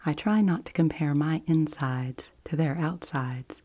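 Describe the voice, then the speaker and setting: A woman giving a whispered ASMR book review and reading in a soft library whisper, gentle and deliberate, with long pauses. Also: low-pitched. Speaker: ASMR host.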